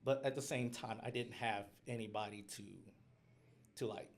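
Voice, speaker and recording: A man's voice: medium pitch, fairly even intonation, moderate pace. A man guesting on a podcast, talking candidly in casual chat, often laughing and acting out quotes.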